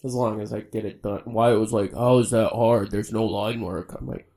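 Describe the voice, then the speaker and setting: A young podcast co-host keeps a casual chat jokey, firing off quick questions and swearing freely. His voice is fairly low, steady and warm.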